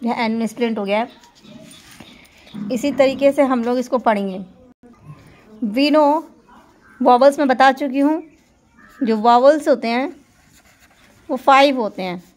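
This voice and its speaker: A woman teaching a phonics lesson to children, spelling out letters and then sounding out each word. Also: sits high.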